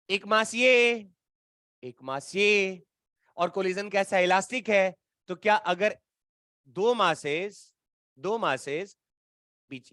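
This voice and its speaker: Guy teaching physics, high voice, keeps teasing the class, dry close sound. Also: bright, forceful tone, no room sound. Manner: playful teasing, colloquial asides to students. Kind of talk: classroom lecture at a whiteboard.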